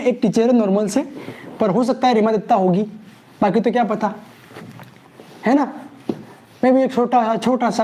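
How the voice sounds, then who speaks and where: Slight background noise accompanies a man whose voice is very high-pitched and dark. He teaches an exam-prep class by playfully questioning and answering himself, repeating key words with mnemonic stories to drill memory tricks.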